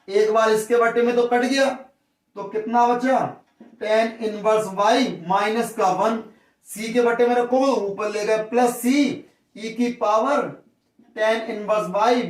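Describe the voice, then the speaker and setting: High-voiced man teaching maths, roomy echo. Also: far from the mic. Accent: Hindi as spoken in western Uttar Pradesh. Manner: talks through steps, addresses viewers as brother. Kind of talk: worked-solution lesson.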